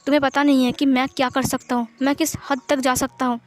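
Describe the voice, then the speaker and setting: A woman's voice: sits high, flat delivery, fast talker, faint music behind, close to an everyday voice. A woman voicing a possessive, hot-tempered young man who speaks in a stern, commanding way.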